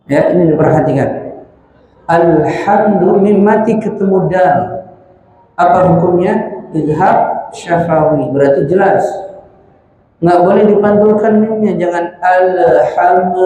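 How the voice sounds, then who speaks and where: A man's voice: high voice, warm tone, a little hiss or hum. A man teaching Quran recitation rules, carefully demonstrating each sound and correcting common mistakes. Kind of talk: tajwid lesson with chanted recitation. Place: mosque hall. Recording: echoey hall with long reverb.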